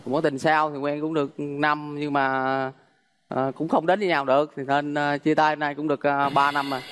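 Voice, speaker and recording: A man's voice: a little high, flat delivery, moderate pace, fairly bright tone. A man in his thirties with a Southern Vietnamese accent, a dating-show contestant talking earnestly with many hesitant fillers. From Dong Thap, Vietnam. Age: 30s. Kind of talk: self-introduction on stage. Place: TV studio.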